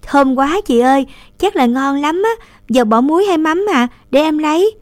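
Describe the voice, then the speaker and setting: A woman's voice: brisk, dry recording. Woman playing a whiny little village girl. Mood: eager. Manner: pouting, high-pitched and loud.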